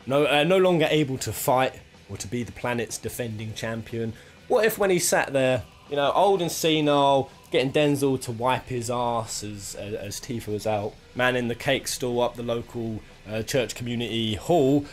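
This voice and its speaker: A British man hosts a top-ten video game countdown, his commentary casual and jokey, rambling as he thinks aloud. His voice is medium in pitch at a moderate pace.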